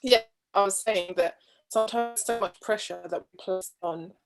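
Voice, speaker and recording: This woman, a guest speaker on marriage, has a medium-pitched voice and talks at a normal speed with music playing behind her. She comes through a video call with a patchy connection, speaking earnestly and thoughtfully in a conversational discussion, often restarting phrases or letting them trail off.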